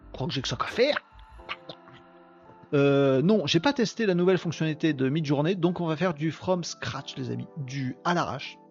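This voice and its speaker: A man's voice: a little high, expressive, normal speed, highs cut off, faint music behind. A man with a ch'ti accent hosting a live podcast, chatting casually and joking with his viewers. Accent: Picard (ch'ti) traces. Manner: chatty, self-mocking, talks to chat viewers. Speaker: podcast host. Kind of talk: casual live-stream chat.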